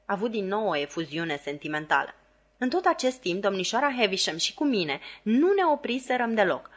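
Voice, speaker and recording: A woman reading a classic novel aloud as an audiobook, in a measured narrating voice. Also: mid-range voice, big pitch swings. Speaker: audiobook reader.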